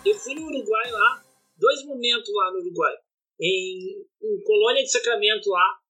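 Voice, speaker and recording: Indignant, animated podcast storyteller. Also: medium pitch, normal speed, faint music behind, rough recording. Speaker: podcast co-host. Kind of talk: casual storytelling chat.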